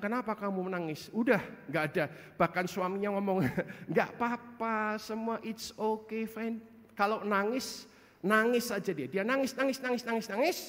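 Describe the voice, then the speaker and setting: A male pastor preaching a sermon in a church hall, animated storytelling and acting out quotes. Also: sits high. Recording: long church hall reverb.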